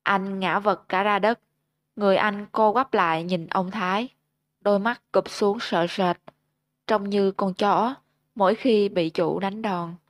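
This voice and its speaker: A woman host narrating a ghost story in a steady, measured storytelling manner, on a close mic. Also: medium pitch, dry recording.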